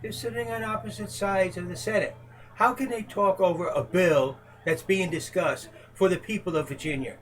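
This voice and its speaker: A man's voice: sits high, normal speed, a bit bright, a little hiss or hum, low-quality recording. A man answering interview questions as a presidential hopeful in a casual home chat, earnest and emphatic.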